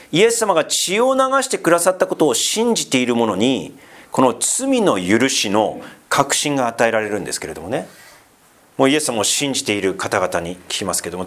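A man's voice: medium pitch, a bit bright. A man preaching a casual, conversational sermon as pastor, full of fillers and asides, asking the congregation questions and teasing them. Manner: chatty, asks the congregation questions and teases them.

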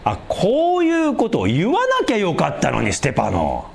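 A man's voice: a little high, huge pitch swings, moderate pace, gravelly, a little mellow, exaggerated voice. A man voicing a worldly man who nags a martyr for stirring up trouble, in a sermon. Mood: exasperated. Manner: nagging, exasperated.

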